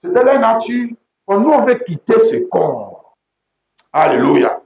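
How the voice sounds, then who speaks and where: A man preaching a sermon as pastor, emphatic and repetitive, often breaking into shouts. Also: high voice, big pitch swings, a little slow, gravelly, dull audio. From Côte d'Ivoire. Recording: echoey room.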